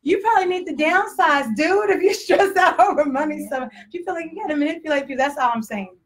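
Woman preacher, Texas accent, blunt and chatty, fairly high voice. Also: fast. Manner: blunt, conversational preaching with laughs. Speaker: pastor. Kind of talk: sermon.

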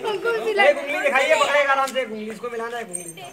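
A man running a street monkey show, calling out loud teasing commands to the animals. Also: extremely high pitch, very animated, fast. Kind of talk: showman's patter to a crowd. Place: outdoors at a school ground. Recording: crowd noise around. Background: children's crowd.

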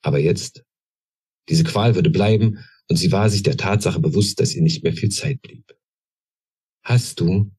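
A man, an author, reading aloud from his own novel in a measured, deliberate way, then talking about his characters. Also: low voice, a little mellow, slightly rough.

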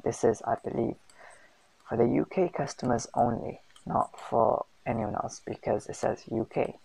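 A man's voice: medium pitch, big pitch swings, normal speed, gravelly, mellow, slightly rough, rough recording. A man hosting a casual screen-recorded tutorial, chatty and full of fillers and slang. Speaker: host of a food business channel.

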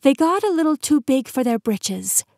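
A woman's voice: sits high, big pitch swings, moderate pace, darkish tone, no echo, studio quality, voice pushed up. A woman voicing a blunt, wry immortal woman keeper with an offhand way of speaking, in an audiobook. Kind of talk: audiobook character reading.

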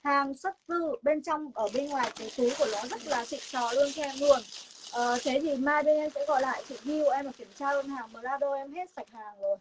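A young woman with a Northern Vietnamese accent giving a casual live sales pitch for clothing, insistent and repetitive, with emphatic promises to viewers. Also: brisk, background noise. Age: young adult. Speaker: online clothing seller hosting a livestream sale. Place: room stacked with clothing stock, indoors.

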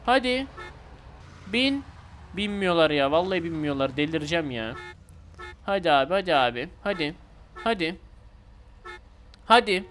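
A man giving playful, excitable commentary while playing a video game, pleading and repeating himself. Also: sits high, moderate pace, long pauses, slight background noise. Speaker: gaming YouTuber.

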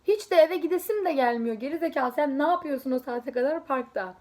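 A woman's voice: high-pitched, lively intonation, brisk, a little mellow. A young woman vlogging casually, a student chatting to her viewers and rambling through her stories with asides and giggles. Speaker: student preparing for an exam. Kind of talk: casual storytelling to camera.

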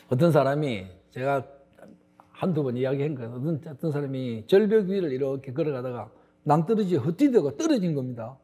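A man's voice: a little high, mellow, slightly rough. A middle-aged male pastor delivering a sermon, stressing words emphatically and turning to the congregation with asides.

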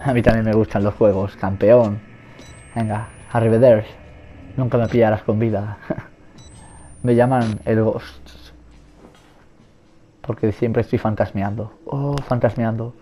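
Young guy from spain doing horror game commentary, warm low-key tone, nervous and jokey, keeps yelling at the monsters. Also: fairly even intonation, unhurried, pauses often, slight background noise. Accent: Spain Spanish. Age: young adult. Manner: nervous, rambling, jokey, yells at game enemies. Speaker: let's play gamer.

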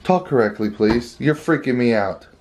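A man's voice: mid-range voice, lively intonation, moderate pace, vocal fry, a little mellow. A middle-aged man, a father, talking casually and crudely in a family vlog, scolding and swearing a lot.

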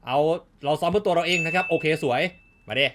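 A man giving casual, excitable gameplay commentary, swearing freely and calling plays like a sports caster. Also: fairly high pitch, quick pace, noisy background. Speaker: gaming YouTuber.

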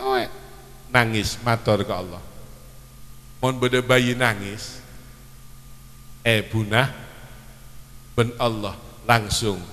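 A man's voice: mid-range voice, sharp tone, long reverb tail. A middle-aged man with a Madurese accent, preaching a sermon at a religious celebration and pressing the crowd with questions. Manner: quizzes the crowd, urging them to answer. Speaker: Islamic preacher (kyai).

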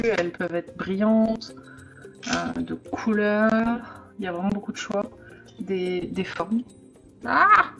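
A woman thinking aloud as she makes a card, with frequent hesitations and the odd hushed aside. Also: fairly low pitch. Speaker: crafting vlogger. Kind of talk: casual crafting tutorial. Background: background music.

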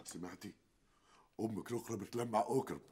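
Brief: a deep, husky Egyptian husband, flustered and defensive. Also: male voice, a little fast, mellow. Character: jumpy husband, defensive and evasive. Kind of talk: TV series acting.

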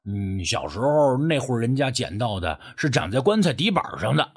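In acted audiobook dialogue, a man plays a sly, sheepish rural character who stammers and wheedles insistently while angling for money. His husky, mid-range voice swings widely in pitch at normal speed.

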